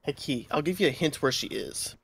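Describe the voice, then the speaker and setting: A young man gaming online with friends over a headset mic, trading quick, joking banter. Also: fairly high pitch, expressive, gravelly, a little hiss or hum. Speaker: gamer friend. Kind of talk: casual gaming chat.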